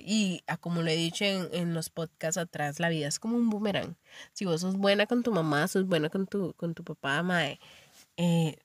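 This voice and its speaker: A woman's voice: mid-range voice, a bit bright, dry recording, clean studio sound. A young woman with a Costa Rican accent, hosting a podcast and telling stories in a chatty, filler-heavy monologue. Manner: chatty storytelling with frequent fillers. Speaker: podcast host. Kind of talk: casual monologue.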